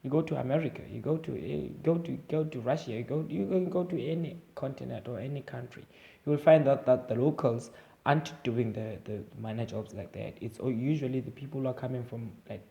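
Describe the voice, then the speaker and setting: A young man with an Eastern Cape South African accent talks through his views in a loose, meandering vlog, stopping and restarting often. His voice is gravelly and dark. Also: medium pitch. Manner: rambling, hesitant, with many fillers and restarts. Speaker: vlogger. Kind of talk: casual opinion monologue.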